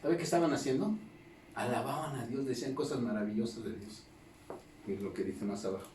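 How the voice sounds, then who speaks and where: A man preaches a Bible study in a roomy church hall, with his voice sitting at an ordinary middle pitch. He talks in a conversational way, constantly checking in with his listeners. He sounds set back from the microphone, and a faint ambience hums underneath. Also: brisk, a little mellow, slight background noise. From Mexico. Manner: conversational teaching, constant tag questions to the congregation. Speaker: pastor. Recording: echoey room, distant mic, faint ambience.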